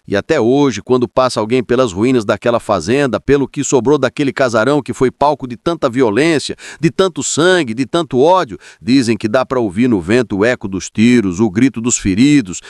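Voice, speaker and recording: Man, dramatic story narration, very animated pitch, dry close sound. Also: no echo. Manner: solemn, rhythmic listing with swelling emphasis.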